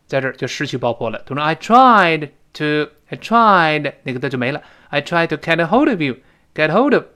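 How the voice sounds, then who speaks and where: A man leads a pronunciation lesson in a somewhat high, very lively voice. He breaks each phrase down patiently and models the slowly, again and again. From China. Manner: explains step by step, models English phrases slowly and repeats them. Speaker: English pronunciation teacher. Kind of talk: lecture-style language lesson.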